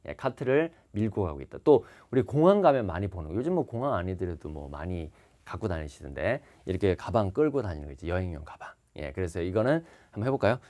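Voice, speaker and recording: Animated male English teacher. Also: fairly low pitch. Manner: animated, repeats and stresses key words. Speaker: TOEIC instructor. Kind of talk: lecture to camera. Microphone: facing the camera.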